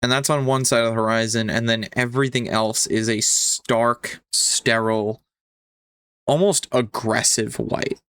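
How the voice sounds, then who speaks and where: Game master guy narrating slow, little ums, dry close mic. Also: mid-range voice, steady tone, a bit bright, smooth, dry recording.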